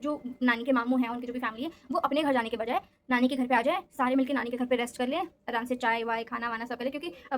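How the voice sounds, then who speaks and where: Fast-talking high-voiced young woman. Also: slight background noise. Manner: animated, switching into English phrases. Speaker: storyteller. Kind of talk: casual storytime vlog.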